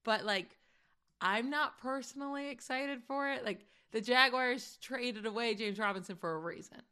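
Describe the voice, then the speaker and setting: Woman podcast host, slightly hoarse, crisp bright tone, chatty and quick, loose casual talk. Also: on the high side. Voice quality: chatty, quick, many "like" fillers. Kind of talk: casual chat.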